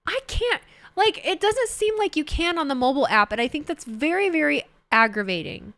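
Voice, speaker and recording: A woman in her thirties chats casually on a livestream, rambling, reading the chat, and correcting herself along the way. Her high-pitched voice has lively intonation and a slightly bright tone, at normal speed on a dry recording.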